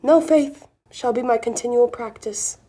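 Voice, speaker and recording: A woman playing a gallant, sensible young gentleman in love, in mannered Restoration-comedy style. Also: on the high side, unhurried. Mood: earnest, gallant. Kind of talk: Restoration-comedy stage acting, mannered period dialogue.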